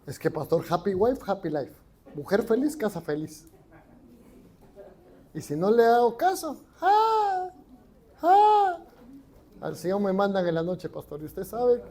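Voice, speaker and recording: A man's voice: high voice, lively intonation, moderate pace, dark tone. A Mexican man voicing a sheepish husband making excuses to his pastor.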